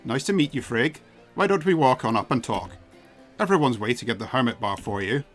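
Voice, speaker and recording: A friendly islander with a put-on Nordic accent , as a streamer voices him. He welcomes a newcomer in an easygoing, relaxed way, over a faint music bed. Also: mid-range voice, a little fast, close to an everyday voice. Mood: welcoming.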